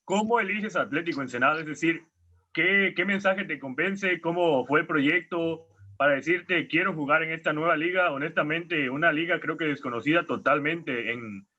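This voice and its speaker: A man's voice: on the high side, normal speed, pushed and bright, dull audio. A man from Mexico hosting the interview, asking direct, probing questions. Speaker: interviewer host.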